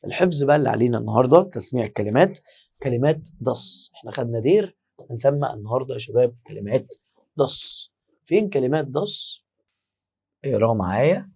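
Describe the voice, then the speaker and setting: Egyptian-accented male teacher, gravelly voice, mid-pitched, methodical explainer who repeats and quizzes. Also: expressive, darkish tone. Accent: Egyptian Arabic. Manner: explains step by step, repeats words slowly, quizzes students. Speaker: German language teacher. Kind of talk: exam-prep lesson.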